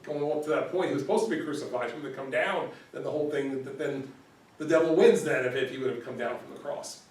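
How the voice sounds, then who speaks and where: A man's voice: on the high side, fast talker, darkish tone. A man leading an informal Bible study, explaining in a conversational way, repeating words and often checking in with "right?". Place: church room. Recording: roomy echo, recorded from far off.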